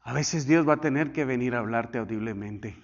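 A male pastor preaching a sermon, swinging from loud declarations to hushed asides and having the congregation repeat after him. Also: medium pitch, a little fast, lo-fi sound.

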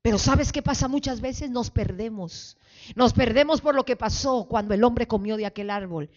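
Fervent woman pastor with a high voice, shouting exhortations in a muffled church recording. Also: moderate pace. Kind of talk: call-and-response sermon. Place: church sanctuary.

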